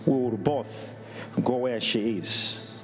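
A man, middle-aged, giving a solemn funeral address as a preacher, with measured phrases and deliberate pauses. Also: medium pitch. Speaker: preacher, bereaved father. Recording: long hall reverb, music behind. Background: music.

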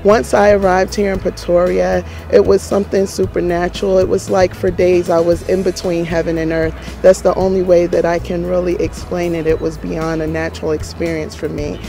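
A woman from the United States giving an earnest, deliberate testimony in an interview outdoors. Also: on the low side, warm tone. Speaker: church visitor giving testimony.

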